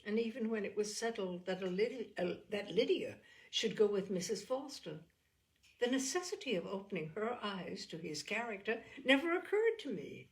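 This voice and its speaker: The same kind of role: a young gentlewoman of the Regency era from a classic novel, voiced by a woman who is frank, sincere and easily indignant, stressing her formal phrases with animation. Here she sounds regretful and emphatic, at medium pitch, through poor audio.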